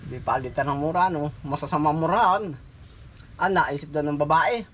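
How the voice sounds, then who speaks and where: A man's voice: fairly high pitch, normal speed, a bit bright, a little hiss or hum. A man hosting a casual vlog, chatting and telling a funny story over a meal, laughing often. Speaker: vlog host.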